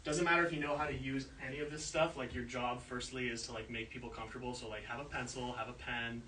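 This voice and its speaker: Speaking fast with a steady, bright, forceful mid-range voice, a man gives a casual walkthrough of a recording studio he engineers. His talk is loose and rambling, full of fillers. A faraway mic makes it roomy, with a little hiss or hum.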